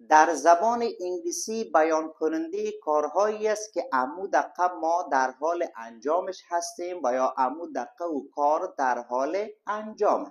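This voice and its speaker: A man with a somewhat high-pitched voice leads an online English lesson. He speaks to his listeners as dear friends. He slows right down to spell each English word letter by letter. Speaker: English teacher.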